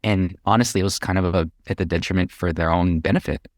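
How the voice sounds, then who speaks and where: A middle-aged American man from Hawaii, a real estate investor guesting on a podcast, talks fast in a low voice with fairly even intonation. Captured cleanly in a studio with no room sound, he shares his story conversationally and chuckles while speaking.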